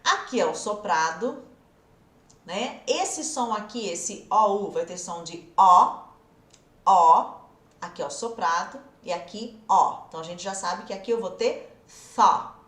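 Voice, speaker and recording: A woman's voice: medium pitch, unhurried. A woman with a Brazilian Portuguese accent teaching a live English lesson, explaining with demonstrations and talking straight to her viewers. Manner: animated, demonstrative explaining, addresses viewers directly. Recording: roomy echo.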